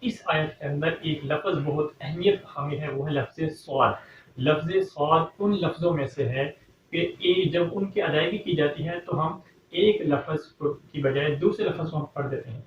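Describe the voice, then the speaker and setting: A man with a slightly high voice teaches a recitation lesson and breaks into slow, drawn-out chanting of the verses. He sounds far from the mic in an echoey room, with a faint hum behind him. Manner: explains slowly, then chants verses drawn out. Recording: echoey, distant, dull lo-fi recording with faint hum.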